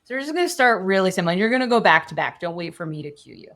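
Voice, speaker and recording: A woman public speaking coach on a podcast, talking in an expressive, animated way and shifting her tone often. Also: medium pitch, racing.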